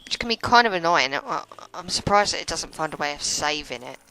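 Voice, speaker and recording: A woman's voice: low voice, lively intonation, fairly quick, pushed and bright, a little hiss or hum, low-quality recording. A woman giving casual commentary over a video game, often stumbling over her words and poking fun at herself. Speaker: let's play commentator.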